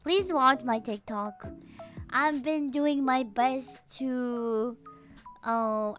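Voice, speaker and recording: A young adult woman with a high-pitched, fairly bright voice chats casually and rambles to viewers on a livestream. Music plays in the background of the recording.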